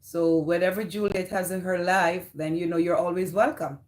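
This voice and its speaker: A Jamaican-accented woman with a fairly low, darkish voice speaks at normal speed with fairly even intonation. On her casual livestream she welcomes viewers by name and reads and answers their comments.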